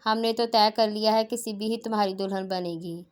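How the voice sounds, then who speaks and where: A middle-aged mother lays down the law calmly in a storybook reading, voiced by a woman. The tone is firm and clear. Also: medium pitch, moderate pace, lightly acted. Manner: calm, dismissive, firm.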